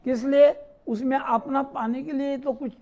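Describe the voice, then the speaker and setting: Man preaching slowly, high voice, asks questions then answers them himself. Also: steady tone, dark tone. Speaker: spiritual teacher giving a discourse. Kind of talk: devotional scripture storytelling.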